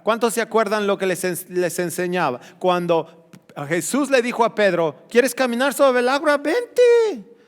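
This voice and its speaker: A male pastor preaching a sermon, questioning the congregation and swinging from loud exclamations to hushed, slow emphasis. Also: high-pitched, clear, resonant tone, in a large hall. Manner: addresses the congregation directly with questions.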